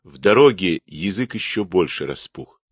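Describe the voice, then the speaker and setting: A man narrating an audiobook in an expressive, dramatic style, close to the mic. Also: low voice, moderate pace, slightly rough, no room sound.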